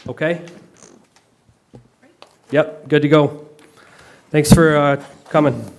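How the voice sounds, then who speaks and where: A man chairing a public board hearing, running the agenda in a brisk, procedural way, caught on a courtroom-style hearing room recording. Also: fairly high pitch, steady tone, vocal fry. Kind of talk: formal meeting procedure.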